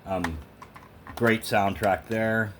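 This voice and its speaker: A man with a somewhat low voice, fairly even intonation and a bit of brightness draws out his words as he vlogs about his thrift store music haul. He talks to the camera casually and emphatically, rambling like the opinionated music fan he is, with slight background noise.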